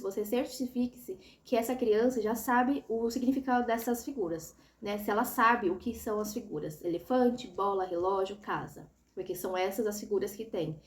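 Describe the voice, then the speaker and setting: A woman's voice: mid-range voice, darkish tone. A woman explaining an assessment step by step, patiently and often checking that the listener is following. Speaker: educator explaining a child assessment. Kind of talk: instructional tutorial.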